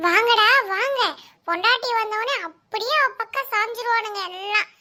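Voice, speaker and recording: A woman voicing a sharp-tongued older mother-in-law in a cartoon, taunting and bickering. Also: extremely high pitch, normal speed. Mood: indignant.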